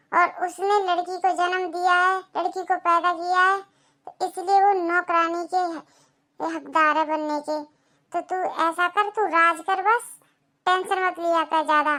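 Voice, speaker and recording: A bossy old mother-in-law snaps and scolds in a cartoon, as a woman puts her on. The voice sits very high and sharp. Her tone is contemptuous and domineering throughout. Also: full character voice. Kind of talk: Hindi cartoon voice acting.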